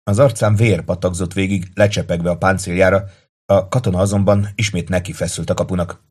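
A man reading a war novel aloud as narrator, steady and dramatic. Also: low-pitched, breathy edge. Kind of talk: audiobook narration.

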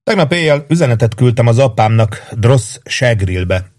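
A man's voice: medium pitch, lively intonation, darkish tone, voice pushed up, close to an everyday voice. A man voicing a composed albino male warrior who speaks coolly and matter-of-factly.

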